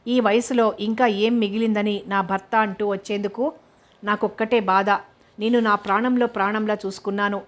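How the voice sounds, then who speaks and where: A woman's voice: mid-range voice, lightly acted. A woman reading the lines of a bitter aging mother who resents her estranged husband, in a firm, resentful way.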